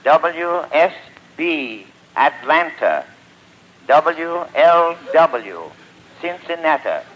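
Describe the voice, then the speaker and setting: This is a man announcing on the radio in the formal style of the 1920s, preserved on an old 1924 broadcast recording. He declaims each word in a slow, measured way. His voice sits a little high for a man. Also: very animated, fairly bright tone, highs cut off, slight background noise.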